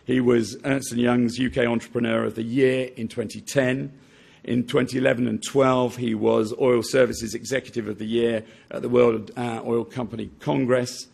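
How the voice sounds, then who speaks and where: A man with a heavily gravelly, husky voice introduces a guest speaker at a formal event. He speaks in a measured way, listing achievements with small hesitations. He is heard through a podium microphone in a lecture hall. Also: mid-range voice, flat delivery, a little mellow.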